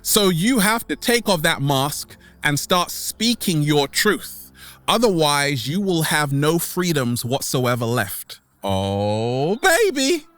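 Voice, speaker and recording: The recording has no echo and soft background music, and the man's voice is on the high side, fairly bright, with big pitch swings. As a vlog host he delivers a theatrical, playful motivational monologue to online followers, repeating catchphrases and drawing words out.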